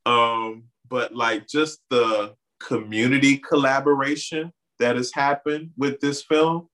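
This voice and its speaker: A man from the Bahamas who was raised in Miami speaks slowly in a mid-range voice as an interview guest. He is an artist and community organizer, and he tells his stories animatedly with frequent "you know"s.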